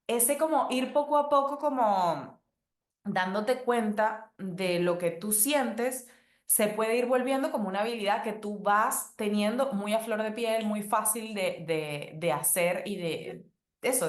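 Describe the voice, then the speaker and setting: A woman hosts a casual advice podcast at a middling pitch. She talks gently and conversationally, often pausing on fillers. The recording has a noticeable roomy echo. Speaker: podcast host.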